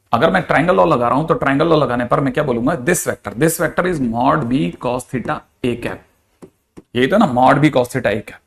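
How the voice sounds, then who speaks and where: Playful man teaching a lecture. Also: a little high. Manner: chatty, playful, with mixed Hindi-English math terms. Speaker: physics teacher.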